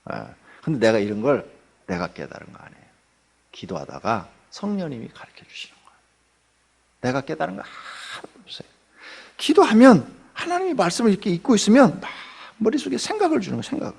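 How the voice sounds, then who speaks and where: Gravelly, husky male pastor, swooping pitch; chatty dawn sermon with quick questions to the pews. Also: wildly swooping pitch, darkish tone. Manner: conversational, asks the congregation questions; acts out everyday people in quotes, joking. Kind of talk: early-morning sermon.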